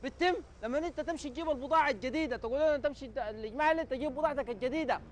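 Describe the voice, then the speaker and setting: A man with a Sudanese accent playing an argumentative customer in a comedy sketch, lecturing a shopkeeper about prices. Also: very high voice. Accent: Sudanese Arabic. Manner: argumentative, lecturing, rapid insistent. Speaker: comic actor playing a customer.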